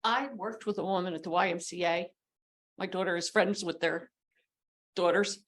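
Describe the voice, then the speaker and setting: A woman's voice: lowish voice, steady tone, normal speed. A woman on a panel telling a personal anecdote to a group. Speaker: panel speaker, parent.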